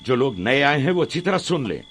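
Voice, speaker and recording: Film dub: a man voicing a strict commander, lively, rising pitch, faint music behind. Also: brisk. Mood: stern. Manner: barking orders, strict. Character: stern military drill commander, man.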